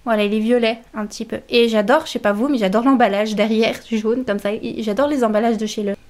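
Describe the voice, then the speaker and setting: A woman's voice: a little high, steady tone, quick pace, darkish tone. A young woman chatting enthusiastically through a shopping haul, with many fillers and restarts. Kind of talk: casual haul video talk. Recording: echoey room.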